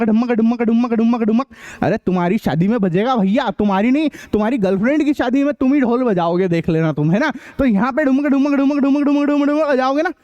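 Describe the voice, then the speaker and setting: A young male teacher gives a lively, joking science lecture. His voice sits high for a man, and he breaks into drum and bell sounds and acts out little voices as he explains. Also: lo-fi sound. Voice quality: playful, imitates sounds and voices. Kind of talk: lively classroom lecture with jokes and sound effects.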